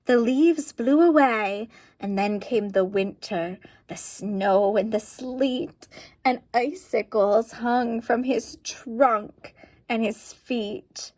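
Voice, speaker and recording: A woman reading a picture book aloud, slow and expressive, pausing to ask her listeners questions. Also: a little high, no room sound. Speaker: storyteller.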